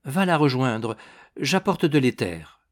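A man voicing a troubled middle-aged painter who speaks gently and hesitantly. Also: mid-range voice, very animated, slow.

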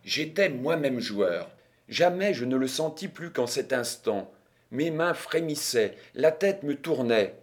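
A man narrating a literary audiobook in a measured, restrained storytelling manner. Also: medium pitch, animated.

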